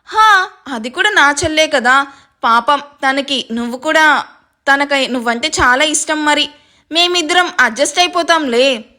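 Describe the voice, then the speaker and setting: Storybook bride, young and soft-hearted, high bright voice, read by a woman. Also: measured pace. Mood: pleading. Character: sweet, selfless young bride.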